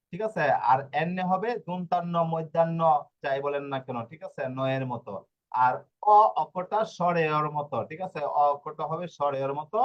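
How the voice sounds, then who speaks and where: A man with a somewhat high voice, captured in lo-fi audio, teaches Italian letters to Bengali speakers. He repeats each letter many times and keeps pausing to ask "ঠিক আছে?" to make sure his students follow.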